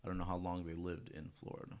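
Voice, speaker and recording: A man's voice: deep voice, little pitch movement, fast talker. A man in his twenties hosting a casual podcast chat, speaking in street slang. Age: 20s. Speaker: podcast host.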